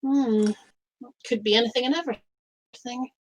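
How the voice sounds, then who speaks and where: A woman at a tabletop game, soothing and gentle when in character and thinking aloud between moves. Her voice is a little high and husky. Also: normal speed, poor audio. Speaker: player. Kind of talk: tabletop role-play.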